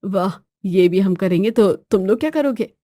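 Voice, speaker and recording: A woman's voice: medium pitch, expressive, normal speed, mellow, dry recording, voice pushed down, close to an everyday voice. A jovial young male friend poking fun at his buddy, played by a woman. His teasing lines sound close and dry in the storybook reading.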